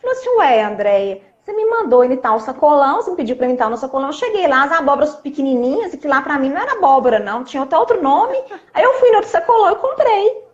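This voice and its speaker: A woman coach, telling a story in a lively chat and acting out the dialogue. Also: sits high, rapid-fire. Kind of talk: live-stream conversation, storytelling. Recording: dull lo-fi live-stream audio.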